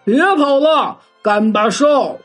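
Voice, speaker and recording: A woman voicing a huge, short-tempered male bear in a children's story, gruff and scolding. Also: on the high side, animated, takes it slowly, soft background music. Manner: gruff, scolding, barking orders.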